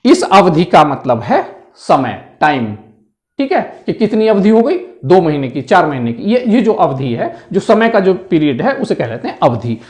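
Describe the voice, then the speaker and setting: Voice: mid-range voice, big pitch swings, measured pace. A Hindi teacher giving an exam-prep lesson on word pairs, explaining patiently and repeating each word, often checking in with "है ना".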